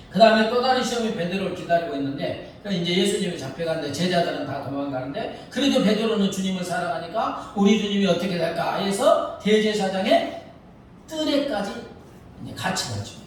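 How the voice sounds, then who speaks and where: A male pastor preaching a sermon, telling the story with lively, acted-out quotes. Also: high-pitched, brisk, heavy reverb, recorded from a distance, a little hiss or hum, poor audio. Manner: animated storytelling, acting out quoted lines. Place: church sanctuary.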